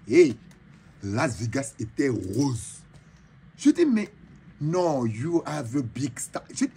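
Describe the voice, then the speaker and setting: A man acts out a flamboyant, self-admiring braider chief from a busy market, talking in an Ivorian French accent. The voice sits somewhat high and leaps around with lively swings. She brags freely and tosses in bits of broken English, with a faint hum of ambience behind. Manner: boastful, animated, mixes in broken English. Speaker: comedian. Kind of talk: comic monologue in character.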